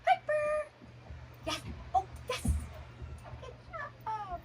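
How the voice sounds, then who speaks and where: A woman dog trainer giving high, squeaky praise to a puppy during a hands-on training session. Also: sing-song, slow pace. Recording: distant mic, clear background noise.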